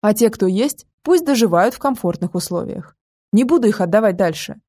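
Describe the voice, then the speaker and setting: Woman with a mellow voice narrating calmly. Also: medium pitch, fairly quick, no room sound. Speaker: audiobook narrator. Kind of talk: first-person scripted narration.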